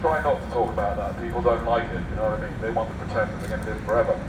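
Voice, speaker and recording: This Englishman has a lowish, rather flat voice and races along as he reads the paper aloud on the street, adding sarcastic, declamatory commentary and mumbled asides in a satirical performance. He's captured outdoors on a distant mic, with faint traffic in the background.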